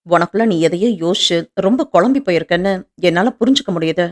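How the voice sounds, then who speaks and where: Devoted young husband, voiced by a woman reader, soft, slightly lowered, earnest. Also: animated, fast talker, natural voice. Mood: tender earnest.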